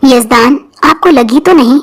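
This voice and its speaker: A woman voicing a patient young bride who speaks softly and gently. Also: high voice. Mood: gentle. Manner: soft and gentle.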